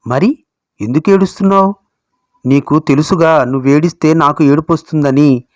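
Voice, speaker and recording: A man voicing an elderly grandmother who talks to her grandson in a soft, coaxing way. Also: a little high, normal speed, dry recording, clean studio sound, close to an everyday voice. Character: caring elderly grandmother, gentle and soothing.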